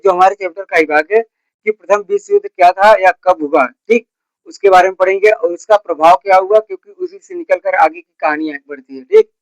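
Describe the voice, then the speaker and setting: A man teaching a school history class. He asks his students questions and answers them himself, and he repeats the key terms slowly. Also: high voice, no echo, low-quality recording. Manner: repeats key terms slowly, with a filler word after each point. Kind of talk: classroom lecture.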